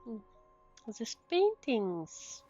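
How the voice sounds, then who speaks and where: A mellow, sing-song voice on the high side belongs to a woman streamer who draws out her words during casual game commentary. She reads from the screen and thinks aloud with murmured acknowledgements. The audio comes through a muffled mic over faint game music.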